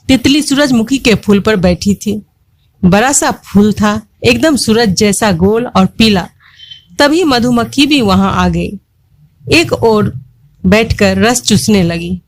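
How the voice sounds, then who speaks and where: A woman teacher retells a children's textbook story in a fairly high voice. She goes over each line again and asks her young pupils questions along the way.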